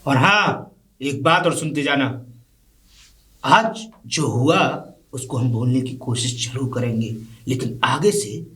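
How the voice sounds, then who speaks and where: An actor playing a proud, contemptuous landowner father who delivers slow, weighty warnings. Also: mid-range voice, pushed and bright. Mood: stern. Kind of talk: low-budget film drama acting.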